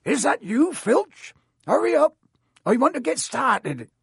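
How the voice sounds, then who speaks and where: A man voicing a big gruff gamekeeper who talks bluntly with country words. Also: a little high, expressive, a little slow, no echo, clean studio sound, exaggerated voice. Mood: impatient.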